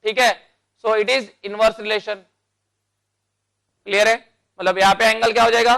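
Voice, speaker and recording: A man delivers a chemistry class lecture, working through it step by step, using technical terms and answering his own questions, and he calls his students "beta" and "bhai." His voice sits high and gravelly, pushed and bright, with a level tone and a slightly slow pace.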